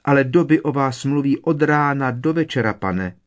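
A man voicing a tiny, servile female house-elf with a squeaky, trembling voice, reading a storybook. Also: expressive, close to an everyday voice. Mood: awed. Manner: fearful, deferential, keeps saying sir.

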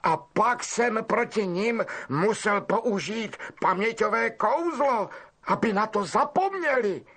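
A man voicing a vain, evasive middle-aged male wizard professor in an affected, drawn-out, self-pleased way. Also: high voice, animated, a bit bright, voice pushed up. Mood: smug.

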